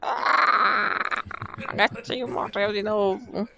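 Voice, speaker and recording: Gravelly woman streaming a game. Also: medium pitch, heavy background noise. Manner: quick offhand asides. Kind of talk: casual live-stream chatter.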